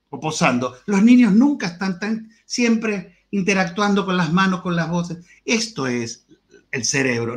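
A man giving an animated, playful online lecture to teachers over a video call from a lit room at home. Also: high-pitched. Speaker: guest lecturer. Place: home room with green wall and lights.

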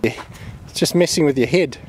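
A man's voice: a little high, fairly quick, low-quality recording. A man filming a family day out, chatting to his kids and narrating as he walks outdoors on a handheld camera. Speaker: father filming a family outing. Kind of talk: casual vlog narration. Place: outdoors on the coast. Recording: loud outdoor noise.

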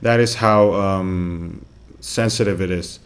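A man's voice: deep voice, fairly even intonation, takes it slowly, clear, resonant tone. Man casually reviewing a microphone. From Philippines. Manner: rambling, many fillers and restarts. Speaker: tech reviewer. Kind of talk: casual unboxing commentary. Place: home room with laptop fan. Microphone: USB desk microphone held close.

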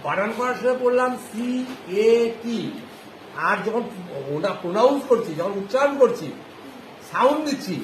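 A man teaching a classroom phonics lesson, with a very high voice. He keeps asking the class questions and drawing each answer out slowly. The room is echoey, with clear background noise. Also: expressive, a bit bright. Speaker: primary school teacher.

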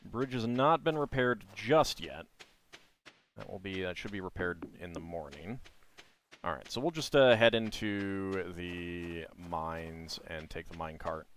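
A man's voice: low-pitched, measured pace, fairly bright tone, a little hiss or hum. A man giving casual let's play commentary, often murmuring to himself as he plays. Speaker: gaming video host. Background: game music.

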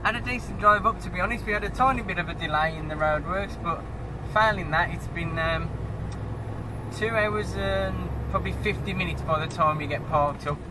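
Young British male truck driver, upbeat and chatty, recorded in the cab over clear road noise. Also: sits high, moderate pace. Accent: British English. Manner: chatty, upbeat commentary to viewers. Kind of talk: casual driving vlog. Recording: road and engine noise behind.

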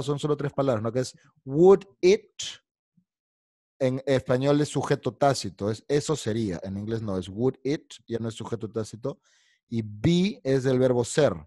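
Brief: bilingual male teacher, mid pitch, dry sound, patient step-by-step explainer on a video call. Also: moderate pace, mellow, no room sound. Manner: explains patiently, mixing Spanish and English. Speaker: English teacher. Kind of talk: online English class.

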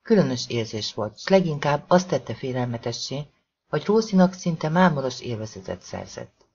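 A man's voice: medium pitch, big pitch swings, darkish tone, husky, dull audio. A man narrating a suspenseful novel in a dramatic audiobook reading.

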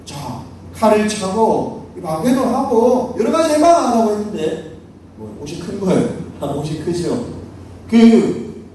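A man's voice: high voice, big pitch swings, a little slow, warm tone, a little hiss or hum. A man preaching to children, telling a Bible story playfully and with sound effects. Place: church hall. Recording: echoey hall from far off.

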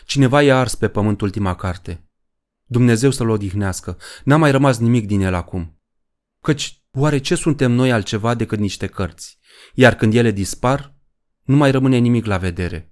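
A man doing a fierce, shouting old Poe. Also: mid-range voice, lightly acted. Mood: grieving. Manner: raised, shouting. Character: old male witch-hunted writer Poe, fierce.

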